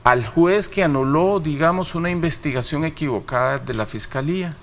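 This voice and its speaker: A man from Costa Rica, a human rights official, is interviewed as a guest and responds with emphatic answers loaded with rhetorical questions. His voice is a little high, at a moderate pace.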